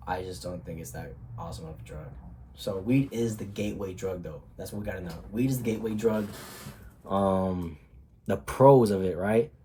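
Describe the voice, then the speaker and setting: A man's voice: deep voice, dark tone, slight background noise. A young man with a cold, congested and sniffly, talking casually to camera in a rambling way with many fillers and some swearing. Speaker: vlogger.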